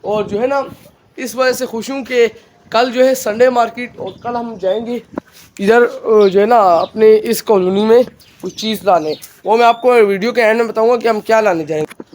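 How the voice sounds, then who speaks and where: High-voiced chatty man vlogging his hens. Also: moderate pace, a little hiss or hum. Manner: chatty, keeps addressing friends, excitable around the hen. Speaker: pet vlogger. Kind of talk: casual vlog commentary. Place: outdoors with chickens. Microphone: phone camera.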